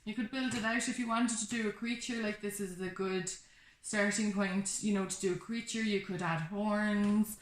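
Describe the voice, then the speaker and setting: A woman who runs craft workshops walks through a hands-on tutorial step by step, keeping it casual and reassuring. Her mid-range voice stays steady at a moderate pace. The room is echoey, with background noise and clicks.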